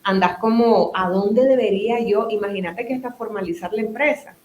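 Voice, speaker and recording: Her voice sits in the mid-range with a darkish tone, moving at a moderate pace in a roomy-sounding space. The speaker, a Nicaraguan psychotherapist and business owner, is a talkative guest in an interview conversation, explaining at length with restarts and side remarks.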